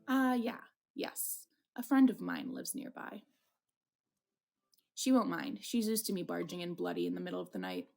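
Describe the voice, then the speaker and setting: A woman's voice: lowish voice, wildly swooping pitch, moderate pace, gravelly, darkish tone, full character voice. A woman voicing a wounded, lovestruck man with playful bravado in a dramatic visual novel reading.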